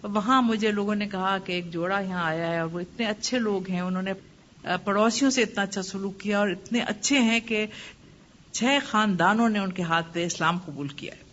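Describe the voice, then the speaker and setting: A woman religious teacher giving a lecture and answering questions, advising gently through personal stories. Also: mid-range voice. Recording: muffled lo-fi with faint hiss.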